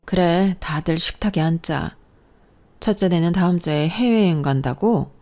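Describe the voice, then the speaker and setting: A stern older mother-in-law, as a woman acts her out in a radio story reading, scolding with firm weight. The voice is mellow and low, pushed a little louder when she reprimands. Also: moderate pace, soft background music, lightly acted. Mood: calm.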